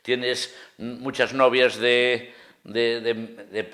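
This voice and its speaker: Picture an older man from Galicia chatting on the radio, his plain as he tells joking stories. His voice is bright and forceful, and he stumbles over a few restarts before he gets to the punchline. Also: mid-range voice, flat delivery, drawn-out words. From Pontevedra, Galicia, Spain. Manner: joking storyteller, hesitant restarts. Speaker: radio guest, retired teacher. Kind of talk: casual radio interview chat.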